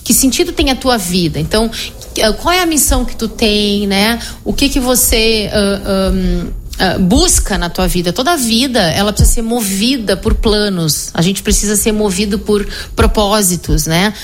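A middle-aged woman psychologist, explaining her method in an animated conversational interview, often tagging her sentences with "né?". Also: medium pitch, normal speed, a little hiss or hum. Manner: explanatory, animated, frequent "né?" tag questions.

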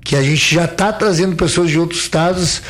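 A man with a fairly high voice talks through plans as a guest on a local radio broadcast. He rambles, repeats words and leans on fillers as he goes. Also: brisk, a bit bright. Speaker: event organizer guest. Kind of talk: casual radio interview.

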